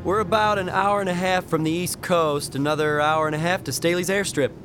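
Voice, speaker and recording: A male actor playing a brisk young pilot in an audio drama. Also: high-pitched, fairly even intonation, music in the background, natural voice. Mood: matter-of-fact.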